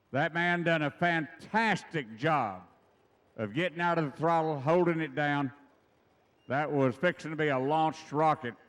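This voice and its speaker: A man's voice: fairly high pitch, fairly bright tone, smooth. A middle-aged American man giving live event commentary as a tractor pull announcer in a folksy, emphatic way, repeating himself for effect.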